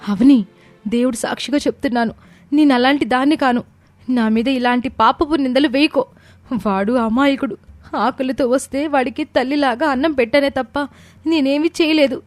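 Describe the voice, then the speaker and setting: A woman doing a soft, pleading gentle woman. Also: mid-range voice, expressive, a little fast, no room sound, pitched above the performer's own voice, close to an everyday voice. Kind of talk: storybook character voice.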